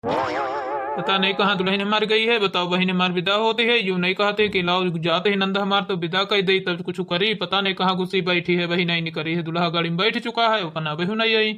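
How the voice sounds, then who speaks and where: A man's voice: sits high, fairly even intonation, fairly quick, pushed and bright, smooth. Man acting a henpecked brother with Awadhi accent. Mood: aggrieved. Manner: complaining, resigned. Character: henpecked, helpless village brother, loving and aggrieved husband. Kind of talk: village comedy skit.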